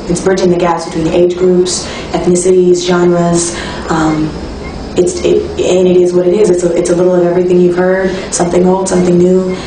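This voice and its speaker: A young woman, a singer-songwriter talking casually in an interview, relaxed and reflective with frequent ums and restarts. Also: fairly low pitch, noisy background. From Toronto, Canada. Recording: echoey room, distant mic, music behind.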